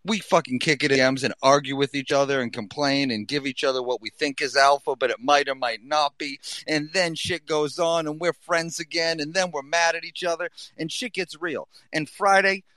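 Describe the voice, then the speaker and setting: A man's voice: a little high, steady tone, normal speed, few pauses, pushed and bright, no room sound. A man with a Boston accent hosting a podcast in a casual, slangy, rambling style full of swearing. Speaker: podcast host. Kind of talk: casual, profane hype-man chat. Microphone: gaming headset.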